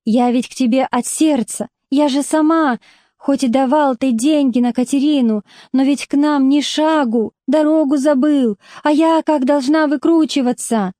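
A woman's voice: high voice, normal speed, mellow, no room sound, studio quality, pitched above the performer's own voice, lightly acted. A woman reading a tearful pleading sister. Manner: tearful, pleading, rising to outbursts. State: crying. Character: distraught middle-aged woman, pleading sister.

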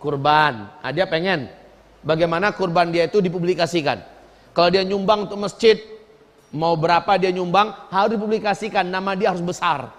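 A middle-aged man preaching a sermon in a large mosque hall, lively and humorous, mimicking the people he talks about. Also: high voice, normal speed.

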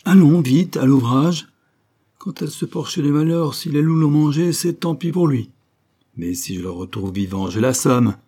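A man playing an angry, gruff farmer father who barks threats. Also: a little high, animated, moderate pace, warm tone, pitched above the performer's own voice. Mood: furious. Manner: barking, threatening. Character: furious gruff farmer father, shouting orders.

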